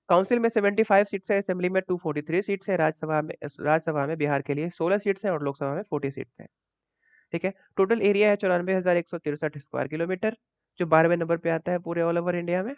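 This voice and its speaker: With a slightly high voice and no echo, a coaching teacher walks through current affairs on slides for exam prep. He speaks conversationally, repeats himself, and keeps checking in with "ठीक है", captured in tinny, phone-like dry audio.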